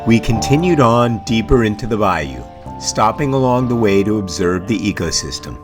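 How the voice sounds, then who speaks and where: Male narrator, scripted nature-documentary travel voice-over over clear background music. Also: fairly low pitch, lively intonation, moderate pace.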